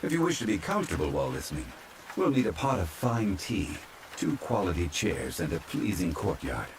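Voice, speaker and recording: Over steady rainfall, a man with a low, deep voice plays an ancient, immortal gentleman from a fantasy game. His delivery is calm, courteous and old-fashioned, with formal, measured phrasing suited to relaxing ASMR. This soft ASMR roleplay carries slight background noise.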